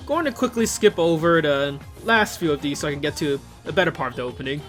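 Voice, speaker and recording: Talking fast in a slightly high, expressive, somewhat bright voice, a man reviews videos in a loose, conversational commentary. He is opinionated and likes rhetorical questions, and the upbeat music of the reviewed clips plays in the background.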